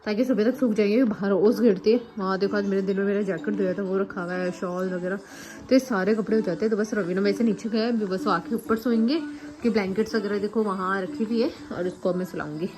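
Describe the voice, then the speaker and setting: A young mother who vlogs talks fast but in a steady tone about her sick child, filming casually on her phone in a bedroom. She speaks softly and coos at him in a higher voice.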